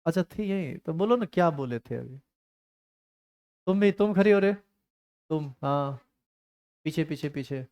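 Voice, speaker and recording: A man's voice: fairly high pitch, lively intonation, unhurried, pauses often, a little mellow, smooth. A man teaching a chemistry class, teasing and scolding his students. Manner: scolding, teasing students in a rustic Hindi dialect. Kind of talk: classroom lecture.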